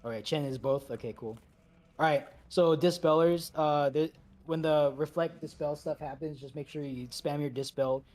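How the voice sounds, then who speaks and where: A man leading a game raid, calling out instructions briskly, repeating commands and slipping in joking asides. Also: fairly high pitch, a little mellow. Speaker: raid leader. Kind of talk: calling instructions over voice chat while gaming.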